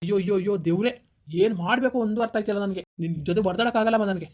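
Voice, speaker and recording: A woman's voice: medium pitch, a little mellow, lightly acted. A woman playing an irritable, defensive young husband who scolds his wife in a village comedy skit. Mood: irritated. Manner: snappish, scolding, quick-talking.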